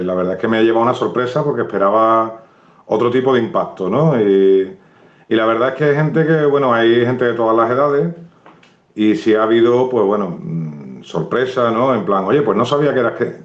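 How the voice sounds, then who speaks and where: A man's voice: lowish voice, normal speed. Man with a Cádiz accent, hesitant interviewee, roomy and dull phone sound. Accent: Cádiz Andalusian Spanish. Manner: relaxed, hesitant, many fillers. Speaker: writer being interviewed. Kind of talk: casual interview chat. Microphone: phone on a stand, live video call.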